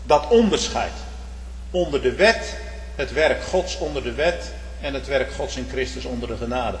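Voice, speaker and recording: A man preaching a sermon, using old-fashioned biblical phrasing and tag questions to his listeners, moving between quiet musing and loud, fervent emphasis. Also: medium pitch, moderate pace, slight background noise. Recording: echoey church hall with long reverb.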